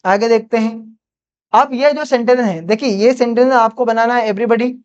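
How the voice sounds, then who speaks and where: A woman with an Indian accent teaching spoken English, drilling phrases slowly and asking her students questions. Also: a little high, a little mellow, clean tone. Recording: dull lo-fi sound.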